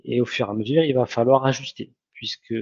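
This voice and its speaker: Male trainer, husky gravelly voice, halting delivery with constant restarts; dull dry recording. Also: medium pitch, steady tone, a little mellow, dry recording. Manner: many fillers and self-corrections. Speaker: online ads trainer. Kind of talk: hesitant spoken lesson.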